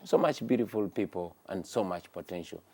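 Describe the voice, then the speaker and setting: A man's voice: low-pitched, lively intonation, fairly quick, dark tone. A man from Uganda, a musician guest speaking earnestly in a TV morning show interview. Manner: earnest, speaks in sweeping statements. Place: TV studio.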